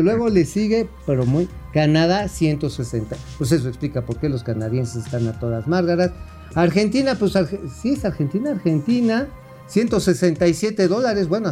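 A man with a Mexican Spanish accent co-hosting a talk show, bantering and swearing with quick asides. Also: fairly high pitch, animated, mellow, faint music behind. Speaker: co-host. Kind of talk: casual talk-show chat.

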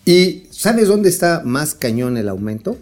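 A man's voice: a little high, big pitch swings, measured pace. A man with a Mexican accent giving casual, profane financial commentary as co-host, joking and swearing freely. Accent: Mexican Spanish. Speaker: co-host of a financial talk show.

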